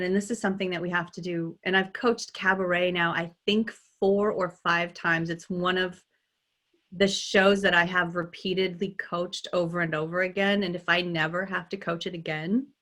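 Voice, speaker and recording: Chatty woman dialect coach. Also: fairly low pitch. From United States. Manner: animated, laughing often, with many restarts. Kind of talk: conversational interview.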